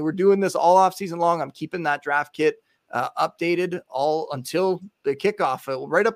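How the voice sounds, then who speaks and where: An upbeat man talks as a guest analyst on a podcast, his voice sitting a touch high. He runs through items in quick lists, and the sound is dry and close with no room echo. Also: fairly bright tone. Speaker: guest fantasy football analyst. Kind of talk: casual podcast interview.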